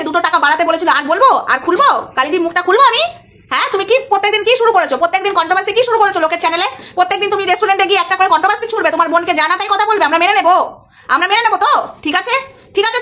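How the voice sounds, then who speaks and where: Give me a young woman vlogger ranting at breakneck speed in a very high, bright voice. She scolds with rhetorical question after rhetorical question and keeps hammering the same points. It should sound like heated commentary made straight to camera. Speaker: vlogger host.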